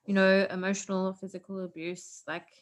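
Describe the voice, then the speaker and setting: A woman's voice: mid-range voice, level tone, fairly quick. A woman co-hosting a podcast, speaking earnestly and supportively, giving advice. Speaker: podcast co-host. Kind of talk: casual chat.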